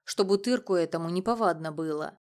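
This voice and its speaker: Woman doing a big burly older neighbor, husky, gruff, protective, low audiobook voice. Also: brisk, a little mellow, close to an everyday voice. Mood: gruff concern. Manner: gruff, growling.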